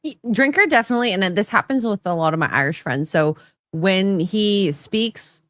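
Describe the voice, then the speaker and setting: A woman co-hosts a casual stream, teasing her friend and laughing along. Her pitch is medium but moves around a lot as she talks, and the sound is dry and close. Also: expressive, normal speed, a bit bright, dry recording. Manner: playful, teasing, laughs easily. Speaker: co-host. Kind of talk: casual livestream chat.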